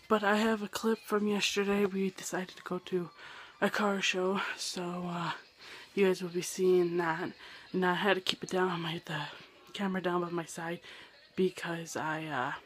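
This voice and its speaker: Holding a camera in his own bedroom, a young man with a high, fairly bright voice chats in a casual vlog at normal speed and a level tone. He's losing his voice, and he rambles while making fun of himself.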